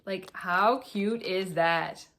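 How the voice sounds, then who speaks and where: Young woman hosting a casual podcast, tired, gushing and chatty, slow delivery, mid-pitched. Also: fairly bright tone. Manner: chatty and gushing, with fillers and restarts. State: tired after a morning run. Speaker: podcast host. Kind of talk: casual knitting podcast chat.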